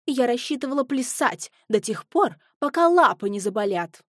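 A woman reading a storybook aloud, voicing a small, fussy female shrew who complains in a shrill voice. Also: very animated, normal speed, mellow, no room sound, studio quality. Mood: complaining.

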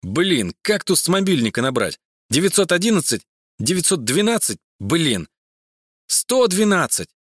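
A man's voice: fairly high pitch, sing-song, moderate pace, dry recording, studio quality, pitched above the performer's own voice. A man voicing Max, a flustered young colleague panicking at an emergency, in a crime audiobook. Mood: panicked. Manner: panicked shouting.

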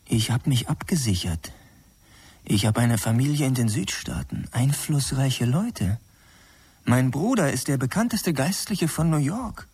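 A man's voice: medium pitch, lively intonation, a little slow, darkish tone, slightly rough. An actor playing a haunted, guilt-ridden man who speaks tensely and sometimes whispers in dread in a radio drama. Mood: brooding. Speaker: lead character.

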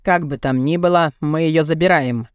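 A woman voicing a stern, angry father who speaks in curt, clipped phrases in a low, dry voice. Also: moderate pace, clean tone, dry recording, close to an everyday voice. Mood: cold.

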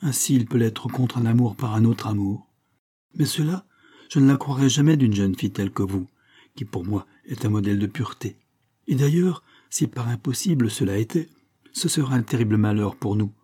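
A man reading the part of a calm, proud aristocratic suitor who speaks in a courtly, composed way. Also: mid-range voice, normal speed, husky, lightly acted. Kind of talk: audiobook reading.

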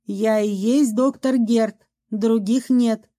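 A woman voicing a courteous, plump middle-aged male doctor who speaks politely and in a measured way. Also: on the high side, fairly even intonation, dark tone. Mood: puzzled. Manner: polite, welcoming, slow and measured. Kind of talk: audiobook reading.

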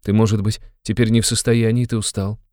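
A man reading an audiobook, voicing a proud, gentle but quick-tempered young woman with a soft, restrained delivery. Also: on the low side, no room sound, studio quality, pitched above the performer's own voice, natural voice. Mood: worried, firm. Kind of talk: audiobook character voice.

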